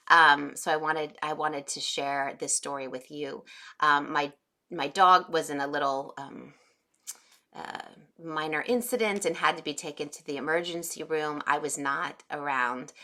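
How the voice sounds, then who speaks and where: A woman in her forties guides a meditation class in a low, gentle voice. She speaks unhurriedly, pausing often with soft fillers as she talks the group into slowing down. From United States. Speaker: meditation teacher.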